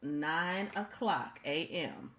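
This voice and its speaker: A woman's voice: deep voice, expressive, very slow, a bit bright. A woman vlogger telling a personal story straight to her viewers, casual and emphatic, repeating key phrases for effect. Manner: talks straight to the audience.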